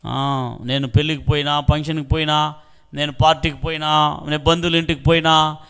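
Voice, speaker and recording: Bright, clear-voiced preacher man. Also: on the high side, little pitch movement, a little fast. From South India. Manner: storytelling preacher acting out voices, calls for amens. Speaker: pastor. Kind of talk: sermon.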